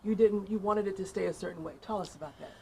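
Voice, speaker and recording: A woman's voice: mid-range voice, fast, gravelly, a little mellow, breathy edge. Probing woman talk show host. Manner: probing, pressing questions with restarts. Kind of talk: interviewing a guest.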